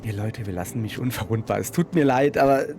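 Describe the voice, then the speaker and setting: A man's voice: on the low side, fast, a little mellow, slight background noise. A man with a Palatinate German accent giving chatty let's play commentary, talking to his viewers and mocking himself. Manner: chatty, self-mocking, talks to viewers and the game. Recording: game music playing underneath.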